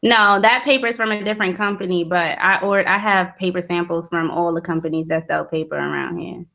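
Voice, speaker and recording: A woman's voice: on the low side, steady tone, brisk, creaky, sharp tone. A woman shop owner on a live stream, explaining things in a matter-of-fact way. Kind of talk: casual chat on a live stream.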